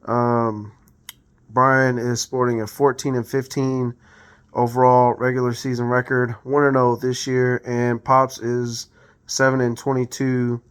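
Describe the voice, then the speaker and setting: Smooth-voiced man rambling through a recap. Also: mid-range voice, little pitch movement, measured pace. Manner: rambling, full of ums and uhs, self-correcting. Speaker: fantasy football league recap host. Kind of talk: casual unscripted sports recap.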